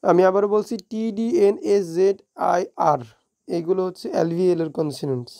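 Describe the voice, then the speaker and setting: A woman with a Bengali accent teaching an exam review lesson. She reads English definitions slowly, explains them quickly and often corrects herself. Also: on the low side, warm tone. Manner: frequent self-corrections and restarts.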